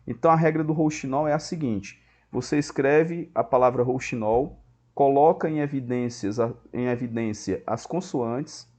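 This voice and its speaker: A man's voice: medium pitch, moderate pace, a little mellow. A man, teaching a grammar lesson step by step and checking in with his students often. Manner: explains step by step, checks in with "beleza?".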